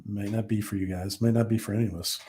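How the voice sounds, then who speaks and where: On this casual live stream, a man reviews a TV episode and reads out viewer comments, rambling with lots of fillers and restarts as his voice begins to give out. He talks fast in a lowish, dark-toned voice with fairly even intonation, and there's slight background noise.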